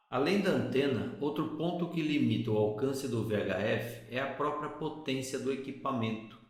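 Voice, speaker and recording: A Brazilian man giving an explanatory lesson as an instructor, talking in a methodical, didactic way. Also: mid-range voice. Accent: Brazilian Portuguese. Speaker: boating instructor. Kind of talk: explanatory lesson with exam questions. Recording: very echoey, reverberant room.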